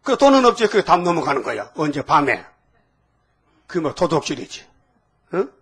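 An older man with a fairly high, sing-song, slightly husky voice preaches to his congregation at a normal pace, his tone fairly bright. As a pastor, he teases in a folksy call-and-response style, often tossing "응?" back at the listeners.

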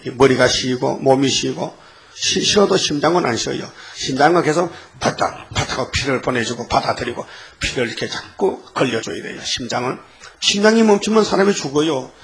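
An older man preaching a sermon, emphatic and repetitive, often asking his listeners for a response and reading scripture slowly and solemnly. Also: medium pitch, a bit bright. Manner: emphatic, repeats phrases, asks the congregation "예?". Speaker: pastor.

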